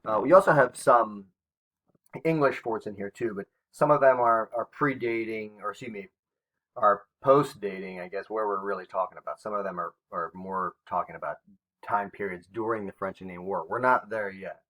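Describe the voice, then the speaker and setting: A man's voice: fairly low pitch, moderate pace, a bit bright, poor audio. A man teaching a recorded history lesson to his students, talking in a conversational way with fillers and self-corrections.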